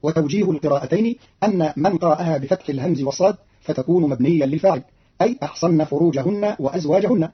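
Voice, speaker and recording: A man reading a scripted explanation as a radio announcer, brisk and matter-of-fact, quoting short phrases in a slower chanted tone. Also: fairly high pitch, breathy edge. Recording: dull lo-fi radio archive recording.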